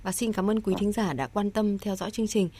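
A woman's voice: medium pitch, a little fast, warm tone. A woman hosts a radio health interview in a polite, formal way. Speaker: radio health programme host.

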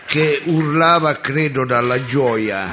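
A man's voice: medium pitch, slow, noisy background. A man telling a mock police story in a comedy sketch, pompous and rambling, tripping over his words.

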